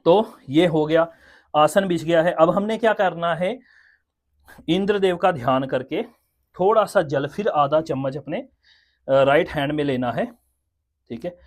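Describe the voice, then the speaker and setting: Guy with a higher voice showing a ritual step by step on camera, patient, keeps checking you're with him. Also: measured pace, long pauses. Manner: patient, explanatory, often checks in with the listener. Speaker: spiritual teacher. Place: indoors, seated on a floor mat at a ritual setup. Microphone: camera in front.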